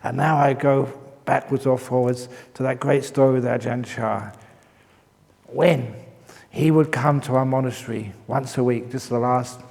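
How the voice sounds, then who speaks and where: A man's voice: medium pitch, fairly even intonation, unhurried, vocal fry, darkish tone. A middle-aged man gives a dharma talk and tells stories with relish. His voice sits in the middle range, and a long reverb from the meditation hall trails behind his words. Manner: storytelling, breaks into laughter. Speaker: meditation teacher monk.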